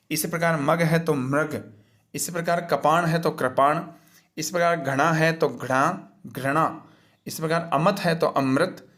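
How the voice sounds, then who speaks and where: A man's voice: on the high side, a bit bright. A man teaching as he walks through a worksheet's answers, explaining each one patiently and step by step in a repetitive way.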